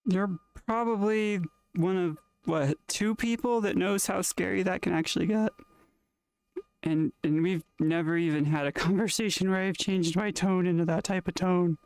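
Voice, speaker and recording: A live streamer with a sick, rough-sounding voice, chatting casually and rambling to viewers, often trailing off into fillers. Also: mid-range voice, fairly even intonation, normal speed, darkish tone, no echo. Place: at home in a VR play space.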